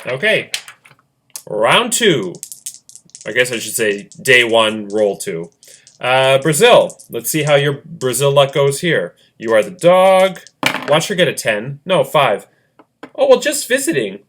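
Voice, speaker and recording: This fan-game host narrates rolls and moves casually, chatting, joking on the side and laughing a lot. His voice is mid-range and a bit bright, and there's slight background noise.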